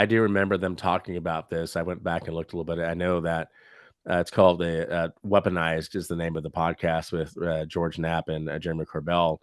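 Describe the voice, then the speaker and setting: Deep-voiced man rambling in casual chat. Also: dry recording, clean studio sound. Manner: rambling, hesitant, lots of fillers. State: recovering from covid, husky. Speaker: podcast co-host.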